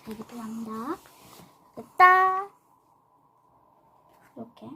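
Slow-talking high-voiced girl building toys. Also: animated, slight background noise. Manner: slow step-by-step narration with cheerful "ta-da" calls. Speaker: channel host. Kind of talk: toy building narration.

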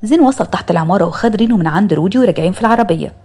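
A woman with an Egyptian accent narrating a romance story in a brisk, plain way. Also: medium pitch, expressive, dark tone, slightly rough. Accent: Egyptian Arabic.

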